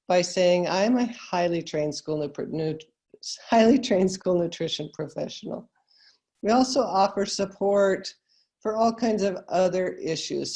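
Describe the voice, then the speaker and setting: An American woman with a croaky frog voice, giving a webinar presentation as a guest speaker. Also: on the low side, warm tone. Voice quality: croaky, froggy voice. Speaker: guest presenter, school food service director. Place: remote online webinar.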